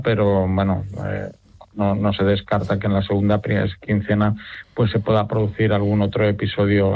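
A man's voice: fairly low pitch, creaky. A male climate expert answering an interview questions hesitantly over the phone, with many fillers and restarts. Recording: tinny phone line.

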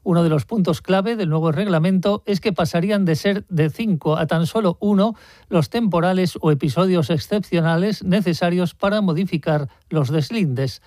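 A man's voice: sits high, darkish tone, dry recording. Man filing a formal news report. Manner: measured, formal report delivery.

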